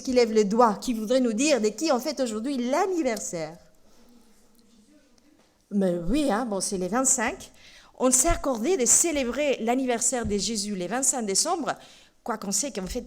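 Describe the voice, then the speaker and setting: A woman preacher giving a playful children's sermon in a church. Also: fairly high pitch. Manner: lively and playful, talking to children.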